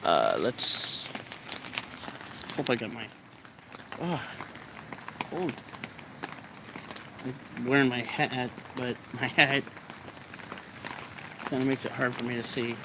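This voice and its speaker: A man's voice: medium pitch, fairly even intonation, slow, long pauses. A stoned man chatting casually to his viewers outdoors, with a laid-back, meandering way of talking. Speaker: vlogger. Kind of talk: casual rambling chat to camera. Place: outdoors in rainy, cold weather. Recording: faint rain noise outdoors. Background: light rain.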